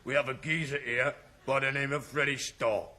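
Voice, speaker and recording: A man putting on a curt, deep-voiced male stage doorman who barks orders. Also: steady tone, moderate pace, bright, forceful tone, natural voice. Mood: gruff. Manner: curt, barking commands. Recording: roomy studio with audience noise.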